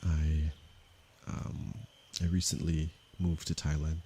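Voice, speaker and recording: A man from Canada, a meditation teacher, speaking softly and unhurriedly to viewers of his livestream. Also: rumbling low, level tone, a little hiss or hum. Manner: slow, soft-spoken and unhurried, with pauses. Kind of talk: calm livestream talk to viewers.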